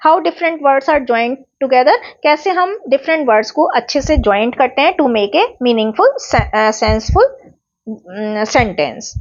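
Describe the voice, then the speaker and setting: Woman lecturer, high voice, muffled recording. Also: creaky. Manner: explains step by step, mixing in English terms; drags out example words slowly to show stress. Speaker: teacher. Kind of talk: recorded exam-prep lecture.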